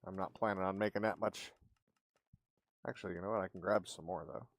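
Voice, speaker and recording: The speaker is a low-pitched man with fairly even intonation who talks a little fast. He's livestreaming a game and rambling casually with his audience, and his streaming mic, gain maxed out, picks up distinct background noise.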